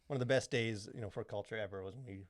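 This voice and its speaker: A podcast co-host rambles through a casual discussion of culture and faith, peppering his talk with "like" and "you know." His voice is on the low side and racing, with no echo.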